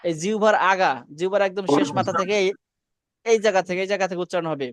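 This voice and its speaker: A man teaching Arabic letter pronunciation in an online class, patient and slow, repeating each letter for students to echo. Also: high-pitched, fairly even intonation. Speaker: Quran teacher. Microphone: video call.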